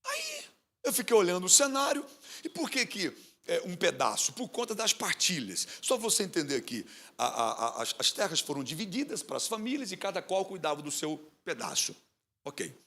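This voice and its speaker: A man's voice: fairly high pitch, sharp tone. A male pastor preaching a sermon with fiery delivery, asking questions and drawing answers from the congregation.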